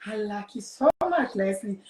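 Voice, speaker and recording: A woman voicing a wealthy foreign businesswoman who flirts in slow, broken English. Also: medium pitch, animated, a little mellow, echoey room, far from the mic, voice pushed down, close to an everyday voice, low-quality recording. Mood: flirty.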